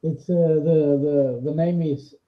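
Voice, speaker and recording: Man on a video call: slow, halting, searching for words; muffled line. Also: a little high, steady tone. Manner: halting, searching for words in non-native English. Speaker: guest on a livestream. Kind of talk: casual chat. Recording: dull lo-fi call audio.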